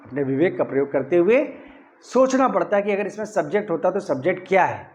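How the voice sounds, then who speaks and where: A man's voice: high-pitched, a little mellow, muffled recording. A man teaching English grammar in Hindi, explaining step by step and often checking that his students follow. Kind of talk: Hindi-language grammar lesson.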